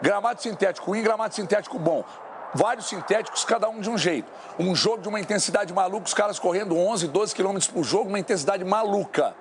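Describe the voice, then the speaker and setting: A man's voice: sits high, fast, noisy background. A man debating on a sports talk show, emphatic and repeating his points. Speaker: sports pundit. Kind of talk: heated studio debate. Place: television studio.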